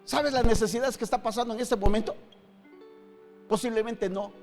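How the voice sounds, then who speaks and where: High-voiced pastor preaching in a hall. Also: male voice, steady tone, moderate pace. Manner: emphatic, swings between loud and hushed, many rhetorical questions. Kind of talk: sermon. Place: church hall. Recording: long hall reverb with faint guitar.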